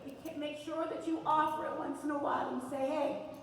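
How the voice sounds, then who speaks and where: A woman coaching a riding lesson with brisk, projected commands and frequent short, encouraging praise. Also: high-pitched, steady tone, vocal fry. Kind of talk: live riding lesson commentary. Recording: echoey hall, distant mic, faint noise.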